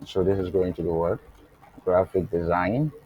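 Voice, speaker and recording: This live online web development teacher has a low, husky voice on a muffled recording. He checks whether the class is following and uses a rhetorical "what?" to let them supply answers, speaking slowly and deliberately with fillers and restarts. Over the remote connection his voice is faint at times.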